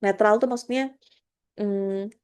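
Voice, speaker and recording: A woman leads an online career workshop over a video call. Her voice is mellow and dark, at a middle pitch. She talks in a friendly, informal way, with frequent fillers and restarts. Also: steady tone, slow pace, clear, resonant tone.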